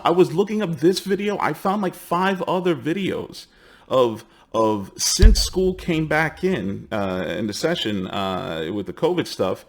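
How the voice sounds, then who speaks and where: A man in his forties with a New York accent, from the Bronx, hosting a heated, swear-filled commentary and acting out the people he quotes. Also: a little high. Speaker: host. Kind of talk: profane ranting commentary.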